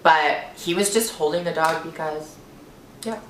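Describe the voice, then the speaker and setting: A young woman telling a personal story in casual chat, animated, with lots of "like" and bursts of disgust. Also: deep voice, normal speed, distant mic, slight background noise. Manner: animated, fillers of "like", swings from hushed to shrieking disgust. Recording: roomy, a bit off-mic.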